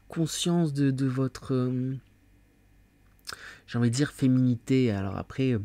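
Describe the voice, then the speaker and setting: A man's voice: medium pitch, mellow, dry recording. A man giving a collective tarot reading, hesitant, with many fillers and repeated words. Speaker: tarot reader.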